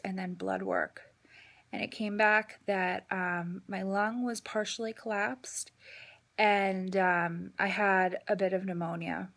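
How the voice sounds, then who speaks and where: Female vlogger, casual personal update, halting delivery with drawn-out pauses, mid-range pitch. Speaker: vlogger giving a health update.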